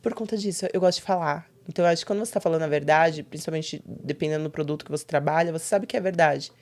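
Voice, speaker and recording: Interview guest: young adult woman, lower register, animated conversational storyteller. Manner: animated storytelling with quick quoted asides.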